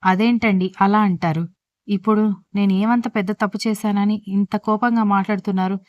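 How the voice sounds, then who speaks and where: A woman's voice: mid-range voice, fairly even intonation, brisk, no echo, lightly acted. A woman voicing a proud, defensive older wife and mother-in-law who protests indignantly, in a dull, dry recording.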